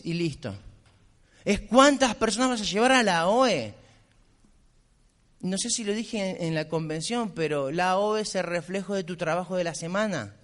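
A middle-aged man with a Rioplatense Argentine accent delivers a motivational business talk in a high voice. He is emphatic and insistent, hammering points through repetition. His voice carries a long reverb tail from a large convention hall. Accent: Rioplatense Argentine Spanish. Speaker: motivational speaker.

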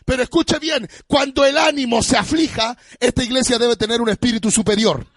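A pastor, preaching a sermon with impassioned, often shouted, sung-out phrases. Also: male voice, extremely high pitch, a little fast, dry recording. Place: church.

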